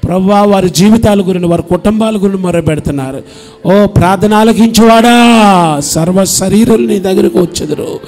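A pastor from India preaching and leading prayer, moving from soft, murmured urging to loud, impassioned pleading. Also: male voice, high voice, normal speed. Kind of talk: sermon with altar call and prayer. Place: church sanctuary.

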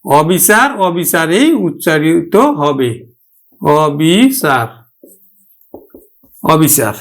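A man with a Bangladeshi Bengali accent teaching a grammar lesson, addressing his students directly and slowly repeating each example word. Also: high-pitched, fairly bright tone. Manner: slow, drawn-out repetition of example words.

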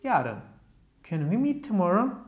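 Explaining English grammar to a Turkish-speaking audience, this man asks questions and supplies the answers himself, saying the example sentences with a Turkish accent. His high voice is very animated, though his pace stays measured. The recording is echoey.

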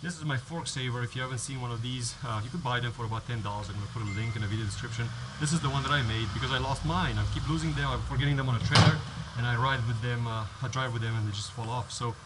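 In a casual how-to vlog shot on a head-mounted action camera, a man on a home driveway beside a garage rambles, restarts sentences and explains step by step. His mid-range voice races with few pauses, and the audio is very noisy.

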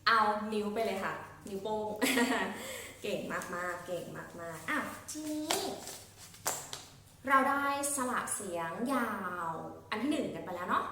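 A woman's voice: medium pitch, animated, sharp tone. A woman with a Thai accent teaching young children English phonics, spelling each word out letter by letter. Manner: slow, spells words letter by letter. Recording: echoey room, far from mic, faint hiss.

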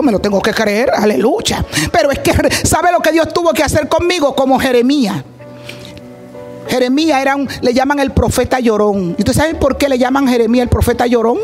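A woman preaching an impassioned Pentecostal sermon, rising into shouted declarations and breaking into tongues. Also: fairly high pitch.

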